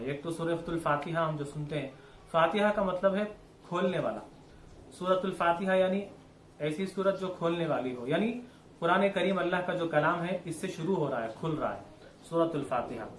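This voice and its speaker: Man, religious teacher; patient repetitive explainer, fairly high pitch, roomy echo. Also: slight background noise. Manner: explains step by step, repeats and rephrases. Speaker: Quran teacher. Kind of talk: religious lesson. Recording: echoey room with faint ambience.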